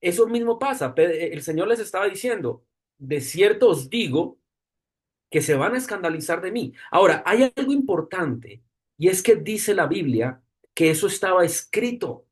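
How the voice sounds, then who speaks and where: A man preaching a sermon in an animated way, slowing down for emphasis and acting out the people he quotes. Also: high-pitched, husky. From Colombia. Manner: animated, acts out quotes with dramatic slow emphasis.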